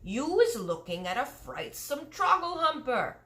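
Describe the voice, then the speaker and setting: A woman's voice: high voice, very animated, measured pace, sharp tone, voice pushed up, full character voice. A woman voicing a big friendly male giant who talks in muddled grammar and invented words. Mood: earnest, explaining.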